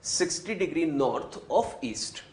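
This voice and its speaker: A man's voice: on the high side, very animated, slow pace, darkish tone. Man teaching in an echoey room. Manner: calls students "बच्चों" and chimes in to echo answers. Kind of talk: classroom physics lesson.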